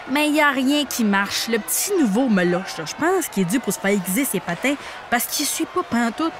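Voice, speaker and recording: A woman with a Québécois accent hosting a comic recap podcast, slangy and animated, playing a mock hockey coach. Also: high-pitched, a little hiss or hum. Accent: Québécois French. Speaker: podcast host recapping a TV series.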